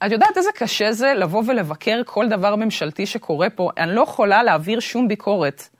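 A woman with an Israeli accent speaks in a dry, close-sounding space at a middle pitch. She talks like a podcast guest, informal and opinionated, breaking up her sentences as she works through an argument. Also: expressive, dry recording. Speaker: interview guest. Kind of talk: casual, opinionated podcast conversation.

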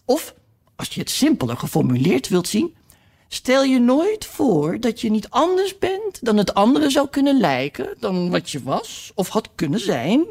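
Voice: mid-range voice, wildly swooping pitch, unhurried, darkish tone, husky, pitched above the performer's own voice, exaggerated voice. A reader voicing a pompous old duchess who rambles in morals. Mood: rambling. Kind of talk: audiobook reading.

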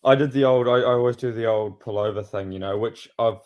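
A man's voice: on the low side, fairly even intonation, fast, highs cut off. A man with a New Zealand accent, co-hosting a podcast, blunt and laid-back with plenty of swearing. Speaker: podcast co-host. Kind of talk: casual chat.

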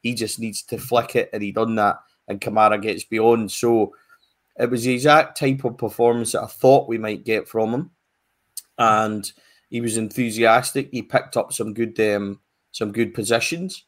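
A man's voice: lowish voice, steady tone, moderate pace. A man chatting casually as a football pundit, with frequent fillers and restarts.

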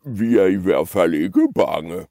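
A man's voice: low-pitched, warm tone, no room sound, studio quality. A man voicing a big proud billy goat who grumbles. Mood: boastful.

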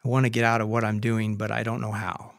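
A man voicing a bitter, hesitant man on the phone who talks haltingly with stammered restarts. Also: on the low side, completely flat delivery, vocal fry, dry recording, clean studio sound. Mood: subdued.

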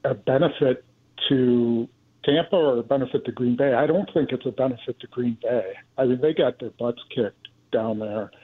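An American man, a sports journalist, answering radio interview questions haltingly over a phone line. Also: medium pitch, slightly rough. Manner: halting, repeats words as he thinks. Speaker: sports journalist, show guest. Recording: phone-like guest hotline.

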